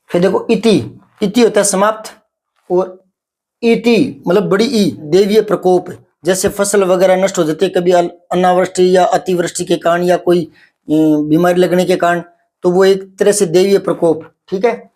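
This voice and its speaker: A man's voice: high-pitched, fairly even intonation, darkish tone. A man teaching a Hindi vocabulary lesson, explaining paired words patiently and checking in often with his students. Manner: explanatory, drawn-out contrasts, frequent "ठीक है" check-ins. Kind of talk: spoken grammar lesson.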